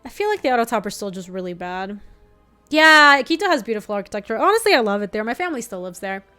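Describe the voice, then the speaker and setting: Reading her chat aloud and reacting with quick laughs, a young woman from Ecuador who speaks Spanish natively streams a card game with faint music behind. Her slightly high voice is sing-song, smooth, pushed and bright.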